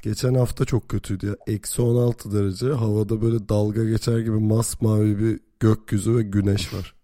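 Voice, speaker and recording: A man hosts a casual sports talk show in a mellow, slightly hoarse voice. His pitch sits on the low side and his delivery is jokey and self-deprecating. The sound is very dry, with no room to it. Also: level tone, brisk, dry recording. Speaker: podcast host.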